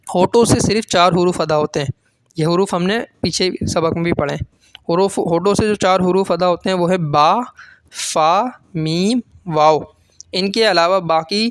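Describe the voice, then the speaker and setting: A man with a high, smooth and resonant voice leads a step-by-step recitation lesson, patiently repeating letters and drawing each one out. He asks his students questions and then answers them himself. The sound is dry and close to the mic. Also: no echo. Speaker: Quran reading teacher.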